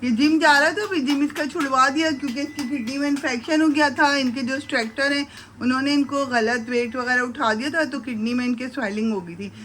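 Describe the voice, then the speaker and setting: A fairly high, fairly bright woman's voice with a little hiss or hum narrates a casual cooking vlog. She's a middle-aged mother and vlogger making breakfast in her home kitchen, talking to viewers and affectionately to her sons on a handheld camera.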